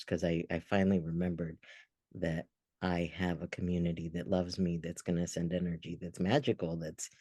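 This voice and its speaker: A man's voice: low voice, warm tone, no echo. A man co-hosting a podcast, telling a personal story in an earnest, reflective way with frequent restarts. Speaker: podcast co-host. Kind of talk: casual podcast chat.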